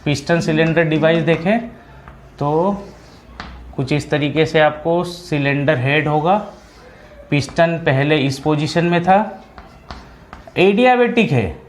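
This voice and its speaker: A man with a fairly high voice teaches an engineering class in an unhurried lecture style. He reads the problem text out slowly, then adds quick asides and keeps checking in with his students. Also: a little hiss or hum. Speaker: engineering tutor. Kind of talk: whiteboard lecture.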